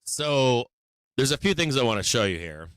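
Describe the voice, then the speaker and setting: A man hosting a day-trading livestream in a rambling, profane way, his voice coming through thin and tinny with no bass. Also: very animated, normal speed, a bit bright, clear, resonant tone, no echo, clean studio sound. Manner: rambling, profane, loose with fillers. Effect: thin, tinny mic sound with no bass. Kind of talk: casual livestream commentary.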